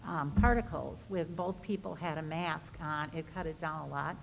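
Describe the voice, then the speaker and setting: A woman with a slightly low voice speaks in a board discussion. There is long hall reverb and faint noise. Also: moderate pace, creaky. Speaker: board member. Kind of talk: meeting discussion.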